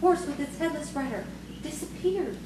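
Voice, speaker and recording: In audio theatre, a woman plays a coy, proud young farmer's daughter, her high-pitched voice moving at normal speed and sounding close to everyday speech. She tells the story earnestly, and the mood is earnest and suspenseful. The stage recording is distant, very echoey and noisy.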